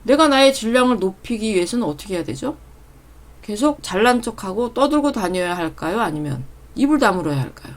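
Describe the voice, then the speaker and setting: A woman giving a calm, measured spiritual talk, explaining step by step and posing rhetorical questions to her listeners. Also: mid-range voice. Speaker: channel host reading her own spiritual essays.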